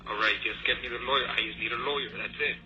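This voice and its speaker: A man's voice: mid-range voice, fairly even intonation, fast, bright, forceful tone, faint music behind. A man calling from jail on a prison phone, agitated and insistent, repeating himself as he pleads to his wife. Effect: heard over a prison phone line. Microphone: prison payphone handset.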